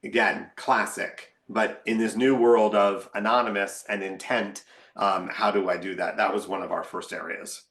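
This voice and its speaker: A man's voice: lowish voice, flat delivery, moderate pace, a bit bright, reverberant. A man, a marketing executive, answering on a webinar panel in a candid, wry way, thinking aloud.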